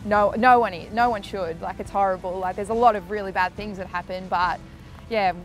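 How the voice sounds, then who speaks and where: A woman's voice: medium pitch, steady tone, fairly quick, faint music behind. A young woman, a netball player, speaking candidly and emotionally in a documentary interview, often trailing off into fillers.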